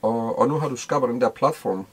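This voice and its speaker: A middle-aged man from Denmark interviewing casually in a small boat cabin, halting and repeating words. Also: mid-range voice.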